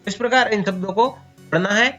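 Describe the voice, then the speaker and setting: A man's voice: high-pitched, sharp tone, soft background music. A man teaching English pronunciation who spells words out sound by sound, asks the viewers questions and answers them himself. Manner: slow, spells out sounds one by one.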